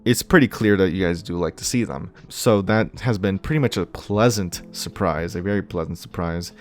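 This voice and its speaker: Low-voiced man talking casually over music. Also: moderate pace. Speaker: gaming YouTuber. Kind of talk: casual reflective thank-you talk to viewers. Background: background music.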